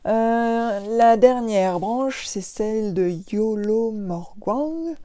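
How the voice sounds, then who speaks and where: A woman with a mellow, warm voice talks her audience through a casual lecture. She hesitates often and wanders into asides before picking the thread back up, in an unhurried, chatty way. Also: medium pitch. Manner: digressive, with frequent hesitations and asides. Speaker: host of an esoteric talk stream.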